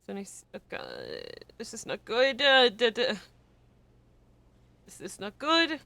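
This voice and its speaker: Here the same kind of Danish streamer, a young woman and native speaker, is again reading a visual novel and talking with her audience, giggling and letting out abrupt squeals. Her pitch is fairly high and her pace a touch slow, and there's no room sound at all.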